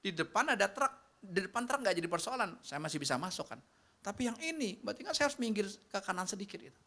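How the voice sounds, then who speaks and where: Male pastor with a conversational sermon style. Addresses the congregation directly, switches between animated and hushed delivery, and acts out quoted voices. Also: high-pitched, quick pace. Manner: acts out quoted complaints and prayers.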